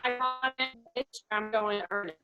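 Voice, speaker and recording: A woman's voice: on the high side, steady tone, measured pace, dull audio, over music. A woman on speakerphone joining a group call, chatting eagerly while her line keeps breaking up. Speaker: team member on a group call. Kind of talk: casual chat. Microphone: speakerphone into a video call.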